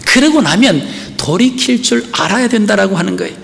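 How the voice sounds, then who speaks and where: A man's voice: sits high, expressive, fairly quick, creaky, a bit bright. A man preaching a sermon as pastor, earnestly asking the congregation rhetorical questions. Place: church sanctuary. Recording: long church hall reverb.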